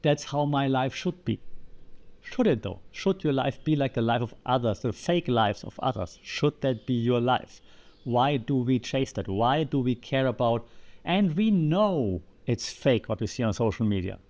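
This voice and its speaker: A man's voice: medium pitch, measured pace. Man explaining theories on a podcast. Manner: lively, asks the listener rhetorical questions. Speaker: podcast host.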